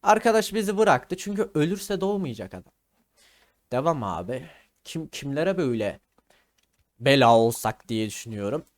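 A man's voice: mid-range voice, expressive, normal speed. A man giving casual gaming commentary, teasing and trash-talking his opponents playfully as he plays. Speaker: gaming video creator.

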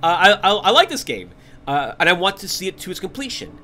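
Speaking from his computer at home, a gaming channel host talks casually to viewers over gameplay, rambling and candid with restarts and little laughs. His bright, lively voice sits slightly higher than most and runs a little fast, though a cold leaves him stuffy. A faint hiss lies under the recording.

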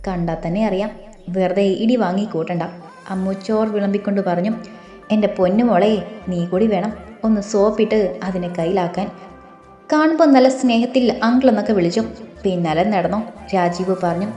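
A woman's voice: mid-range voice, dark tone. A woman narrating a romance story in a storybook reading, voicing every character's lines herself. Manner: reads every character's dialogue in her own voice. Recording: echoey room with faint music behind.

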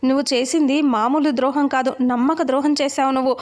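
Bitter, accusing young husband, read out by a woman narrator; high voice. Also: fairly even intonation, fast talker, natural voice. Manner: accusing, shouting. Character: angry young husband who feels betrayed.

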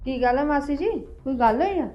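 A woman playing a resentful, quick-tempered young woman of the family who confronts her relatives with accusations. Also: high-pitched, expressive. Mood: aggrieved. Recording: dull lo-fi sound with faint music.

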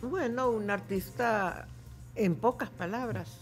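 A woman's voice: a little high, slow pace, over loud music. A Salvadoran woman in her seventies, a guest artist chatting candidly in a radio studio interview. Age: 70s. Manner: candid, chatty, laughs easily. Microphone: studio microphone with headphones.

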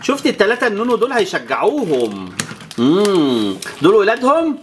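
A woman's voice: medium pitch, wildly swooping pitch, brisk, a little hiss or hum. A woman with an Egyptian Arabic accent plays with toys next to a child and talks to viewers. She counts aloud and makes whooshing sound effects. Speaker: toy channel presenter. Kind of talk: playing with toys alongside a child and talking to viewers.

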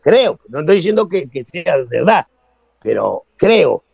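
Lively, high-voiced Peruvian man, mocking. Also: unhurried, vocal fry, breathy edge, no room sound. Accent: Peruvian Spanish. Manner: interrupting, mocking, argumentative. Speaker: sports panelist. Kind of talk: heated studio debate. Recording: dry, dull lo-fi audio.

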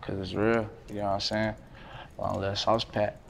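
A young man in his twenties with a drawl speaks in a low voice, loose and full of slang and fillers. He sits indoors by a brick wall, and a faint room hum sits behind him. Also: normal speed, vocal fry. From North Carolina, USA. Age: 20s. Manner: relaxed slangy talk, many fillers. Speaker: rapper, interview guest. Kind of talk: casual interview talk.

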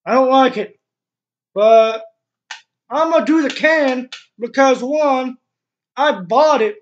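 High-pitched young man talking around chewing tobacco. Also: slow pace. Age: young adult. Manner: talking with chewing tobacco packed in his lip. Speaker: product reviewer. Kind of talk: casual vlog review. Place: small bare room indoors. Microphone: webcam microphone at desk distance. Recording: dull lo-fi webcam audio.

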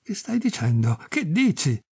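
Man playing a gruff aging farmer, dark voice, dry storybook sound. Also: on the high side, sing-song, a little slow, no echo, heavily acted. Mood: stunned. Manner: gruff, stunned then gleeful.

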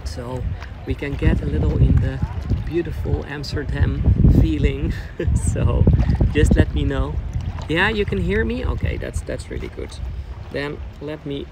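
A middle-aged man giving a chatty live guided kayak tour outdoors, repeating words and pausing with fillers. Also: on the high side, vocal fry, heavy background noise.

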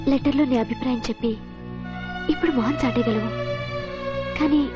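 A woman's voice: high-pitched, fairly quick, close to an everyday voice. An actress playing an earnest young woman who pleads with her lover, in dull film audio with music playing. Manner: pleading, heartfelt. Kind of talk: Telugu film romance acting.

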